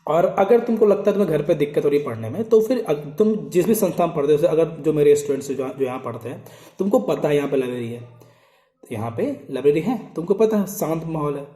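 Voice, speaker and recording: A man's voice: a little high, lively intonation, fast, dark tone, roomy sound. A young man who teaches at a coaching institute gives students informal, scolding study advice and repeats his points to drive them home.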